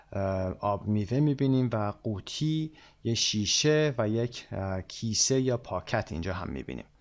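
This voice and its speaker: Man, Persian accent, native Persian speaker, English teacher, medium pitch, slow careful English, fast Persian explanations. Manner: slow, drawn-out English phrases. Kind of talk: textbook lesson explanation.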